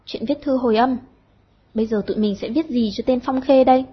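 A woman voicing a bossy teenage schoolgirl who leads her friends, brisk and mock-stern, with a husky tone. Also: high-pitched, highs cut off. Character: bossy, sharp-tongued teenage schoolgirl leader.

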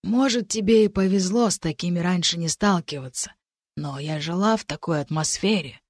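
A woman reading an audiobook, voicing a husky-voiced scarred young woman, self-assured and bitter. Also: lowish voice, normal speed, no room sound, clean studio sound, lightly acted.

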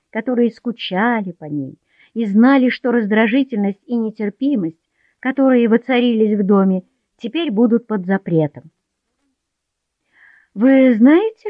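A woman's voice: mid-range voice, no room sound. Woman narrating an audiobook, muffled. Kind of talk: scripted narration. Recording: dull dry studio recording.

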